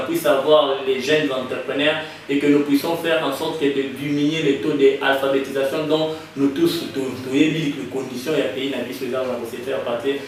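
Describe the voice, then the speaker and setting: Young man, Congolese French accent, halting speech full of restarts, heard from afar in a very echoey room. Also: mid-range voice. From Kinshasa, Congo. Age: young adult. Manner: hesitant, many restarts and fillers, mixes in Lingala. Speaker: guest, association president. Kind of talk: interview answers. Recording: very echoey room, far from the mic, light noise.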